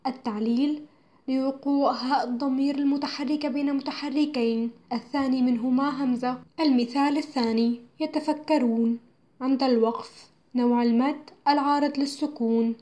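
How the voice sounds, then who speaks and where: High-voiced woman reading a textbook. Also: steady tone, dark tone. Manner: measured, clear reading, slow careful Quran recitation. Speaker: narrator of a school textbook audio. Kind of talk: reading a religion textbook lesson aloud.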